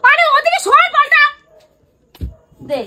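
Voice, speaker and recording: A woman's voice: very high voice, very animated, takes it slowly, very noisy. A woman grumbling and scolding in a whiny, sleepy voice during casual family banter. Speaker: family member being woken.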